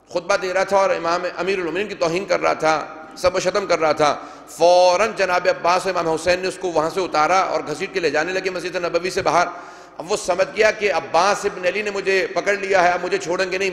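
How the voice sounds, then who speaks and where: A man delivers a majlis sermon on a venue microphone, his voice pitched high. He declaims and acts out quoted dialogue from old narrations. The sound rings in a large hall with long reverb. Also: a bit bright. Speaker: preacher.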